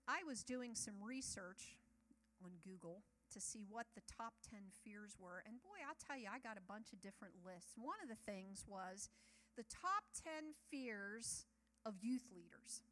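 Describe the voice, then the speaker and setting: A middle-aged woman speaking to a live audience, chatty and animated, with asides to the listeners. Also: medium pitch, unhurried. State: nervous about public speaking. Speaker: speaker at a church talk. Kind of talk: personal talk to an audience.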